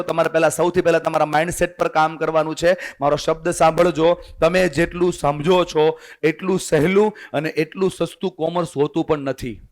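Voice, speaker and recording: A motivational speaker, a man, works a hall of students. He rouses them, fires questions and makes them repeat lines back to him. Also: fairly high pitch. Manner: rousing, drills the crowd with call-and-response. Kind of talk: motivational seminar talk.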